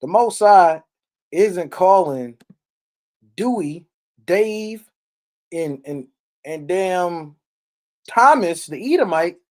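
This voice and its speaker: Speaking extremely slowly and pausing often, a man with an animated, high-sitting voice leads a live-stream Bible study verse by verse. His informal sermon is emphatic and blunt, salted with rough language and short questions and tags aimed at listeners.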